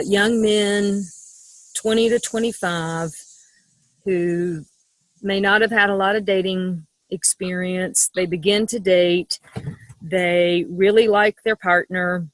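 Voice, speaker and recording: A woman's voice: medium pitch, steady tone, slow, long pauses, dry recording, low-quality recording. A middle-aged woman speaking as a sex educator in an interview, frank and matter-of-fact, with frequent ums. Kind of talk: interview conversation.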